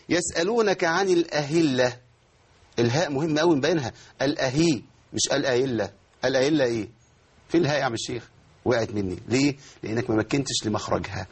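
Fast, husky Egyptian man teaching recitation. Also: medium pitch. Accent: Egyptian Arabic. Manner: quizzes students by name, demonstrates verses slowly. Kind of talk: tajweed lesson with students.

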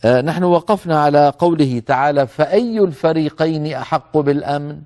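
A man giving a tajweed lesson, calmly explaining the rules and slowly repeating words to demonstrate them. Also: fairly high pitch. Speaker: Quran recitation teacher.

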